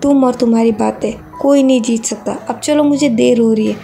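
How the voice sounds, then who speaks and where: A woman voicing a quick-tempered young man in a read-aloud story, scolding and impatient. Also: on the high side, steady tone, creaky, mellow, soft background music. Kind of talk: reading a fan fiction story aloud.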